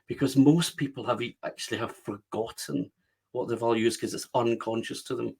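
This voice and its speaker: A man's voice: medium pitch, fairly even intonation, brisk, gravelly, a little mellow, husky. A man with a West of Scotland accent, speaking as a guest on an interview podcast and stressing his points with repeated phrases. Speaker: guest, book strategist.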